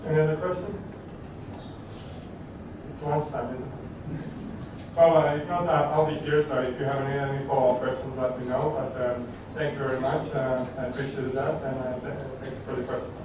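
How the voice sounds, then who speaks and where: A man's voice: mid-range voice, little pitch movement, fairly quick. A man from Croatia, answering audience questions at a conference in a hesitant way, with many fillers and restarts. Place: large conference hall. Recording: echoey hall from a distant mic, background noise.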